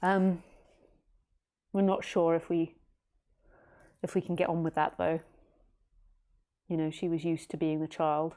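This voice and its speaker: A woman's voice: low-pitched, little pitch movement, measured pace, long pauses, mellow. A woman in her late thirties, a spiritual teacher giving a casual philosophical talk in a rambling, easygoing way with jokey asides. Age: late 30s.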